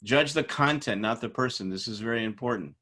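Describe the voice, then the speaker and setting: A man's voice: medium pitch, fairly quick, bright, forceful tone. A man teaching a recorded lecture in a casual, conversational way, with frequent fillers and restarts.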